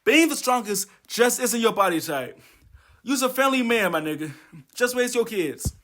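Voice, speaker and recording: A man's voice: extremely high pitch, animated, normal speed, bright, forceful tone. A man doing a comedic anime commentary rant, exasperated, profane and mocking. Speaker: video essayist.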